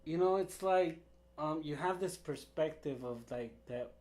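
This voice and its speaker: A man's voice: fairly high pitch, unhurried, darkish tone. A man co-hosting a casual podcast, joking and earnest, dropping in Spanish exclamations. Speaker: podcast co-host.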